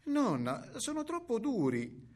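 A man voicing a clever little girl in a fairy tale, speaking in a high, pleading childlike voice. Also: wildly swooping pitch, a little slow, a little mellow, exaggerated voice.

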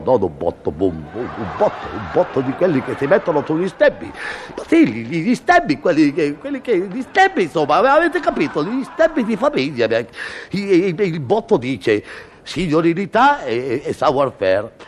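Stammering comic man with lively pitch. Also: a little hiss or hum. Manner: stammering, sneezing, mock-noble comic patter. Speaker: comedian. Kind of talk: comic monologue.

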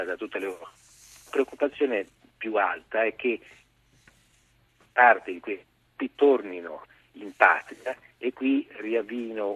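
A man speaking over the phone as a guest journalist, giving a measured news briefing. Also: deep voice, fairly bright tone, breathy edge. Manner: measured, explanatory. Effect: heard over the phone. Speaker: magazine deputy editor, guest journalist. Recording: dry tinny phone line.

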